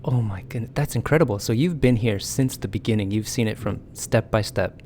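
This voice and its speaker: A man's voice: on the low side, mellow, slight background noise. Eager man, host, forty. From America. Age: 40s. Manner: enthusiastic, quick to laugh and exclaim. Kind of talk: casual interview.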